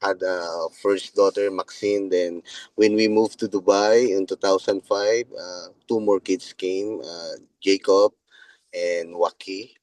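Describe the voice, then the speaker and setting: A man's voice: sits low, steady tone, slow, darkish tone, no echo, low-quality recording. A middle-aged man with a Filipino accent, talking loosely as an interview guest, with many restarts. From Philippines. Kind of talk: casual interview.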